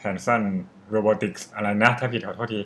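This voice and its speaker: A man's voice: on the low side, steady tone, measured pace. Offhand man explaining on a podcast. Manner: rambling, offhand explainer who admits guessing. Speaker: podcast co-host. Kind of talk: casual podcast chat.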